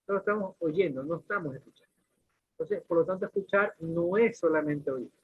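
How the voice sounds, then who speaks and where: A brisk male teacher with a slightly rough voice on the high side lectures his class, captured on a lo-fi, phone-like recording. He frequently restarts sentences and explains ideas by asking questions and giving everyday examples.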